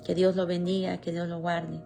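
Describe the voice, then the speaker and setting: A woman's voice: lowish voice, level tone, moderate pace, creaky, mellow, soft background music. A woman preaching an earnest sermon, telling her own testimony and reading scripture aloud.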